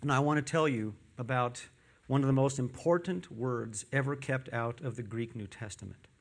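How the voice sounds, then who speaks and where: A man preaching a sermon in church, animated and playful, quizzing the congregation with questions and tossing in joking asides. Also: mid-range voice, moderate pace, creaky. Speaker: pastor. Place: church with a screen behind him.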